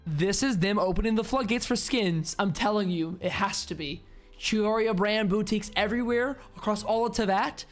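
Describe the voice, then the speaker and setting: A woman streamer offers casual, joking commentary over a game, slangy and reactive. Her mid-range voice moves at normal speed, with faint game music playing behind it.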